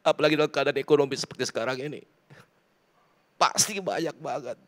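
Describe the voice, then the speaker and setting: A man from South Sumatra preaching a sermon to his congregation, swinging between loud pleading and hushed prayer. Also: mid-range voice, quick pace. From South Sumatra, Indonesia. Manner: repeats words, addresses congregation directly. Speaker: pastor. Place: church.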